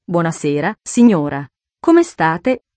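A loud, sinister Frenchman, as a woman reads him in a storybook. He drawls his words out slowly and theatrically, mocking everyone around him. The sound is dry and close. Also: on the low side, very animated, no room sound.

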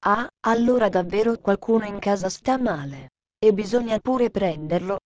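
A woman voicing a kindly male doctor who speaks gently and calmly, in a storybook reading. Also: mid-range voice, muffled recording, close to an everyday voice. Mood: gentle. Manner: gentle, soothing, unhurried.

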